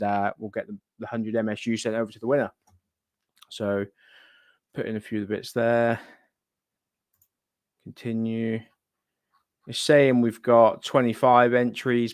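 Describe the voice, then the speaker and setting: A man's voice: on the low side, no echo, studio quality. A man chatting casually as host of a live gaming stream, thinking aloud and muttering asides to himself. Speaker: livestream host.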